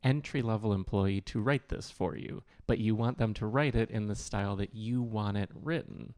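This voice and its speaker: A man's voice: fairly low pitch, moderate pace, a little mellow, dry recording, clean studio sound. A man co-hosting a podcast in casual chat, explaining ideas through analogies with lots of "like". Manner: explains with analogies, many "like" fillers. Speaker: podcast co-host.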